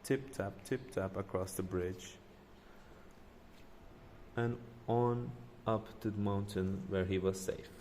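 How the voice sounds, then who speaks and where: A man narrating a folk tale in a fairly low voice, tripping over words and restarting often. His voice rings in an echoey room with faint noise behind. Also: steady tone, slow pace, long pauses, dark tone. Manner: frequent slips and restarts. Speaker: storyteller. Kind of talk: reading a folk tale aloud.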